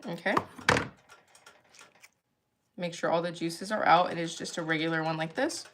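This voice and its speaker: A young woman hosts a livestream cooking show, giggling and chatting casually as she cooks and answers viewer comments. Her voice is lowish and steady, at a moderate pace.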